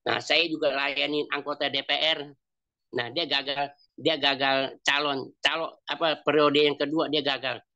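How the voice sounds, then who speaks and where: A man's voice: on the high side, level tone, moderate pace, sharp tone, no room sound. A man, an evangelist telling a testimony sermon, repeating phrases emphatically and addressing listeners directly. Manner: repetitive, emphatic storyteller addressing listeners as "Pak". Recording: dull lo-fi dry recording.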